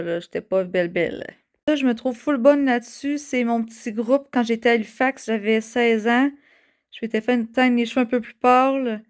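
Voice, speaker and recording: A woman with a Québécois French accent chats casually to her vlog audience. Her voice sits a touch high, and she talks in a loose, slangy way full of little fillers. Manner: chatty, fillers and slang, reading old cards aloud. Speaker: vlogger. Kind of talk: casual nostalgic vlog chat.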